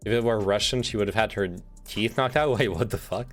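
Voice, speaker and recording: With soft music in the background, a man with a lowish voice talks briskly. His livestream is casual and profane, consisting of reading quiz statements and reacting while rambling and often starting sentences over.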